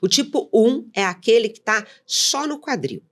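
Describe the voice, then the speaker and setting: A woman speaking as a nutritionist guest, with a lively voice that rises and falls a lot. She lays out her points one by one, like a teacher, and keeps checking that the listener is following. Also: a little high, moderate pace. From São Paulo, Brazil. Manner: didactic, lists points and checks in with "tá?". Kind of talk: explanatory interview talk.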